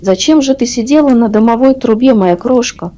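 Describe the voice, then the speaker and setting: A woman's voice: fairly high pitch, moderate pace, warm tone, close to an everyday voice. A woman voicing a fretful, blustering king in a bedtime storybook reading. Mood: tender, worried.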